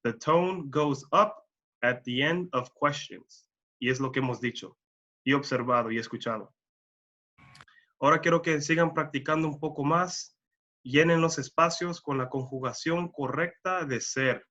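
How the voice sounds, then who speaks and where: A man teaches a bilingual English lesson at a slow, deliberate pace. He spells out each example sentence carefully, in a slightly high, bright voice. The recording sounds a little dull and lo-fi.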